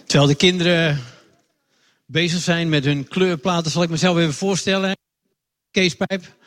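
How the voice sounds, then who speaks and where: A Dutch man with a fairly high voice leads a children's sermon in a church hall. He talks to the kids in a friendly, chatty way, wandering about with a wireless mic. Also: steady tone, normal speed, a bit bright. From Netherlands. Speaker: lay preacher. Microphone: wireless microphone, moving around.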